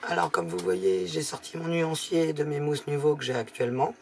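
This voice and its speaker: A woman's voice: low voice, very animated, normal speed, darkish tone, a little hiss or hum. A woman giving a chatty, casual step-by-step craft demonstration, explaining as she works. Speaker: craft tutorial host.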